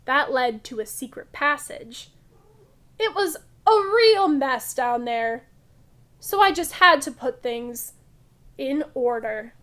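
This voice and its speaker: A woman reading aloud gives voice to an excitable young adventurer from a storybook, pitching her voice high. She is animated and emphatic but lingers over each phrase, keeping a slow pace and a full character voice. The mood is excited.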